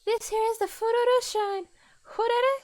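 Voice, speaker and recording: A woman doing a squeaky bubbly teen girl. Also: fairly even intonation, normal speed. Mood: chirpy. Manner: high squeaky chirp. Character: cheerful teenage girl, bubbly and sweet.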